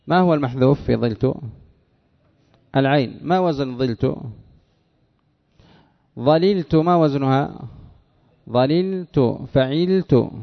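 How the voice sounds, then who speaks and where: A man with a gravelly voice leads a classroom lesson, asking his students quick questions and answering them himself. He drags key words out slowly to drill them. The recording sounds dull and lo-fi. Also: mid-range voice. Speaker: Arabic morphology teacher.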